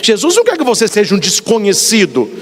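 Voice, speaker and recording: High, lively Brazilian priest preaching. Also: male voice, quick pace. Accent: Brazilian Portuguese. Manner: animated storyteller, acts out dialogues. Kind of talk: sermon. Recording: long hall reverb.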